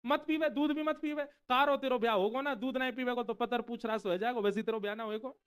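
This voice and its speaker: A man's voice: very high voice, steady tone, fast, smooth, voice pushed up. A man voicing a patient village mother with a Braj accent, coaxing and soothing her child. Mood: scolding.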